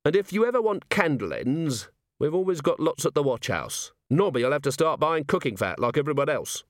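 A man voicing a shrewd male watch commander in an audiobook, dry and gently probing. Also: a little high, big pitch swings, moderate pace, no room sound, pitched above the performer's own voice. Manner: dry, gently coaxing questions.

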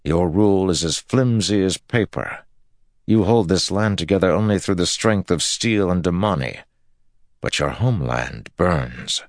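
A man's voice: deep voice, animated, unhurried, no echo, clean studio sound, voice pushed up. A man voicing a commanding hero of ancient claim in an audiobook, solemn and declaiming.

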